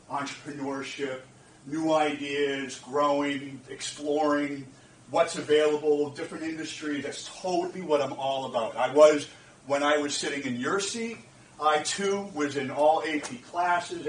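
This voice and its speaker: A man in his forties from the Boston area, giving an informal, rambling talk to students as a guest speaker, with frequent restarts and asides to the audience. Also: medium pitch. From Boston area, USA. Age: 40s. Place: lecture room. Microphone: far 360 camera. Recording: echoey room, distant mic, faint background hum.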